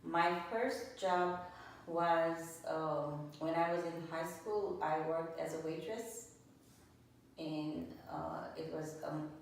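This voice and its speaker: In a slow, steady, deep voice, a Lebanese woman in her sixties answers oral history interview questions plainly and with some hesitation. She was recorded in an echoey room from a distant mic, with faint noise in the background.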